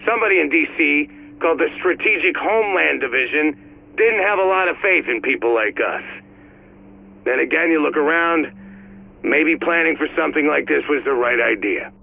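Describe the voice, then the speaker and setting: An actor playing a blunt, weary police commander who briefs his officers in a gruff manner. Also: on the high side, expressive, normal speed. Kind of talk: game audio log. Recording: tinny radio-like recording.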